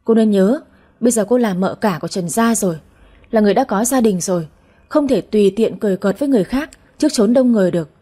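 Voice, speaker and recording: A woman's voice: medium pitch, lively intonation, fast talker, mellow, slightly rough. A woman voicing a cold, jealous young husband who speaks curtly and scolds. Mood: stern.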